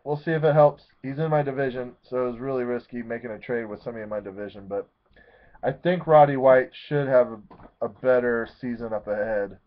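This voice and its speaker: A man's voice: mid-range voice, fairly quick. Rambling man on tinny webcam audio. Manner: rambling, excitable, self-correcting. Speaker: fantasy football league commissioner. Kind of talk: casual webcam recap. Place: small room at home, seated in a leather chair.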